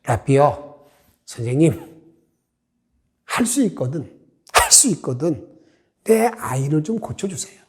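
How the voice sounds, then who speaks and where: A man's voice: fairly high pitch, big pitch swings, a little slow, pauses often. A man acting out a desperate father who humbly begs for help for his sick son. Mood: pleading. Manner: humble, begging.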